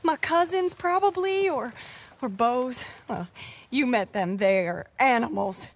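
An actress playing an anxious, earnest young gentlewoman in a video game, with a Southern US accent and a breathless, fretful delivery. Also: fairly high pitch, unhurried, slight background noise. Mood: distraught, bitter. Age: young adult. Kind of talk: dramatic video game acting. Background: loud music, horse hooves.

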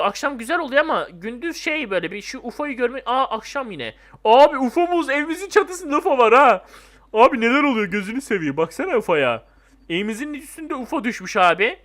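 A young man gives excitable commentary while he plays, joking and calling out to his viewers. His voice is bright and sharp, and his pitch leaps up and down a lot. He swings from playful grumbling to sudden loud surprise. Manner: excitable, jumpy, joking, talks to friends and viewers. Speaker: gaming YouTuber. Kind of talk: casual gameplay commentary.

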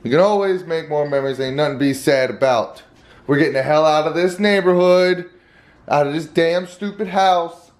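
A man's voice: fairly high pitch, normal speed. A middle-aged man, a father, talking casually and crudely in a family vlog, scolding and swearing a lot.

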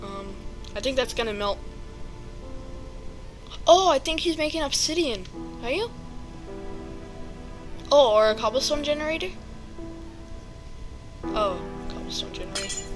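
A high, lively female voice at a measured pace, broken by long pauses. She's a gamer doing casual let's-play commentary over background music, hesitant and chatty, sprinkling in ums and playful sound words.

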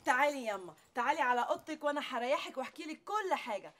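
Brief: a fast-talking Egyptian wife, reproachful, slightly high voice. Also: female voice, animated, a bit bright. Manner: complaining, reproachful. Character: frustrated wife longing for a child. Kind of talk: TV series acting.

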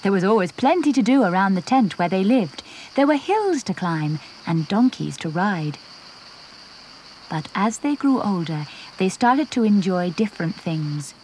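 A woman narrating a children's Bible story in a simple, clear storytelling manner. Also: medium pitch, sing-song, unhurried, darkish tone, a little hiss or hum.

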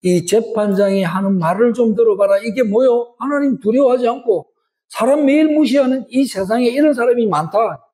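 A male pastor preaches a sermon, his voice pitched high for a man and mellow in tone. He builds emphasis as he speaks and keeps asking the congregation rhetorical tag questions. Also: moderate pace, rough recording.

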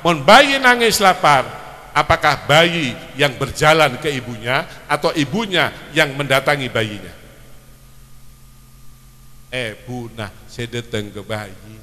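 Slow, bright-voiced preacher with a Madurese accent. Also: male voice, medium pitch, lively intonation, long reverb tail. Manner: quizzes the crowd, urging them to answer. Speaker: Islamic preacher (kyai). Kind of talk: sermon at a religious celebration.

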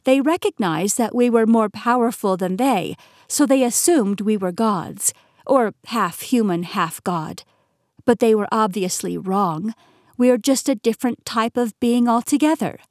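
A woman's voice: a little high, a little mellow, dry recording, studio quality. Millie, a woman voicing a poised immortal keeper. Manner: measured, explanatory. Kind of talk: audiobook character reading.

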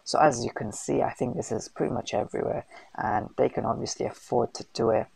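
A man talks through a screen recording in a relaxed, rambling way, dropping fillers and slang as he goes. His voice is heavily gravelly and husky. The sound is dry and close. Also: medium pitch, a little fast, no echo, low-quality recording. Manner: chatty, filler-heavy, British slang. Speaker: host of a food business channel. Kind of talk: casual screen-recorded tutorial.

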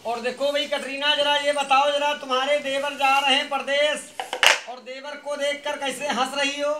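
A man running a street monkey show, calling out loud teasing commands to the animals. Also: very high voice, little pitch movement, moderate pace. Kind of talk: showman's patter to a crowd. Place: outdoors at a school ground. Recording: crowd noise around. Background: children's crowd.

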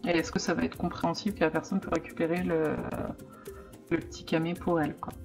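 A woman's voice: low voice, little pitch movement, fast talker. Hesitant woman crafting, music behind. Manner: thinking aloud, many hesitations; occasional hushed asides. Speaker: crafting vlogger. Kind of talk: casual crafting tutorial. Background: background music.

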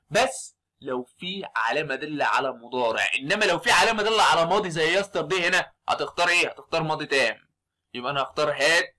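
A man with an Egyptian Arabic accent giving a fast exam review of English grammar, constantly firing quick questions at his students. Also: fairly high pitch, pushed and bright. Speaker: English teacher.

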